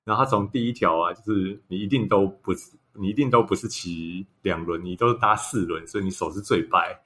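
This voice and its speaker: A man with a Taiwanese Mandarin accent co-hosts a relaxed podcast. His voice sits fairly low, and he tells anecdotes in easy casual chat with frequent laughter. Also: brisk. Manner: laughs often, storytelling. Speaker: podcast co-host.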